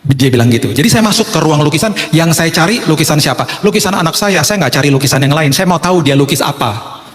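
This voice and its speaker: A man's voice: a little high, animated, quick pace. A male pastor preaching a sermon, telling a humorous story and acting out the voices in it. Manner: humorous storytelling with acted dialogue. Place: church hall. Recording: echoey church hall.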